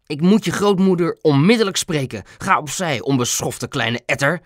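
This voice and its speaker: A snooping busybody neighbor from a storybook, talking heavily through his nose with a gruff, slow, self-important bark, as a male narrator puts him on. He sounds higher and more lively than a plain reading voice. The recording is close and dry. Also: dry recording, close to an everyday voice. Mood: gruff suspicious. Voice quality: nasal. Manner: gruff, suspicious, slow and pompous. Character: snooping nasal nosy old male neighbor. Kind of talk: storybook audiobook acting.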